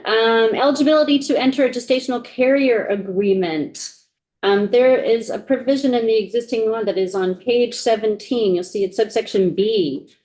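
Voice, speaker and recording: A woman serving as legal counsel at a committee hearing, going through a bill section by section in a halting way, thinking aloud. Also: on the high side, a little mellow, low-quality recording. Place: legislative committee room.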